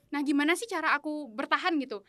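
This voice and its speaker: A young woman in her early twenties from a remote island region, chatting excitably as an interview guest. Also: high-pitched, fast talker, dry recording. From Anambas Islands, Indonesia. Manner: excitable, talkative, lots of fillers. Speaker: interview guest, veterinary student. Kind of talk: casual interview chat.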